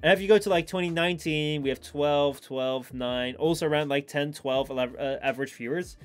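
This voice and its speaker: A man's voice: a little high, a little fast, clear, resonant tone. A man live streaming in a casual, rambling, informal chat with his viewers.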